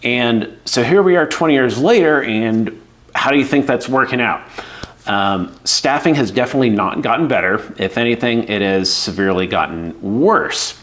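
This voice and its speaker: A middle-aged American man who works as an air traffic controller gives casual, candid career advice in an explainer video. His mid-range voice moves at a moderate pace with a slightly bright tone. He's conversational, acts out quoted voices, and uses lots of fillers.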